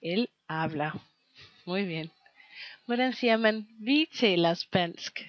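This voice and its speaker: A woman teaching a scripted language lesson, slowly and patiently quizzing the listener and pausing for answers. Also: mid-range voice, lively intonation, no room sound. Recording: dull lo-fi, dry recording.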